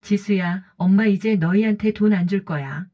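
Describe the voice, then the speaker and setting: Speaking at a moderate pace, a woman with a medium-pitched, dark voice close to her everyday one portrays a cautious, lonely woman in her late fifties given to short, plain sentences. Her mood is firm, captured on a dull lo-fi recording.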